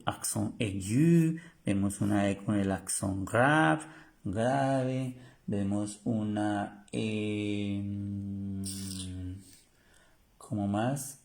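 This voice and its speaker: Low gravelly guy teaching french online, real slow, says every sound over and over. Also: a little mellow. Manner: slow, repetitive drilling of pronunciations. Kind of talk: online language class.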